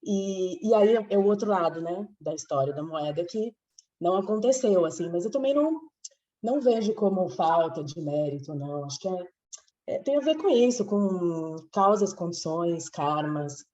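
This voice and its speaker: Soft-spoken hoarse woman with a cold, low dark tone, heard from far off on a dull call line. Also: animated, moderate pace. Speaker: study group participant. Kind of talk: online group chat. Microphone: video call. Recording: muffled distant video call audio.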